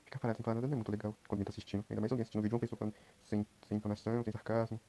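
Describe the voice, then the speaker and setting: A young Brazilian man giving quiet, rambling commentary while he plays a game. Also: fairly low pitch, level tone, very fast. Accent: Brazilian Portuguese. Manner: talks quietly at night, rambling. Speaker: gameplay streamer. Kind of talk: casual gameplay commentary.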